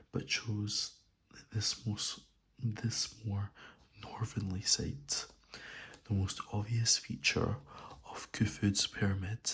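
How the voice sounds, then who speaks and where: A man speaking in a gentle, hesitant, half-whispered soft-spoken ASMR style, breathy and unhurried, as he hosts and reads. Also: lowish voice. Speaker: ASMR video host.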